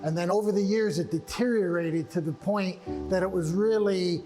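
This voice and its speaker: A man's voice: high voice, moderate pace, music in the background, rough recording. A man describing a building's history in a matter-of-fact way in a documentary interview.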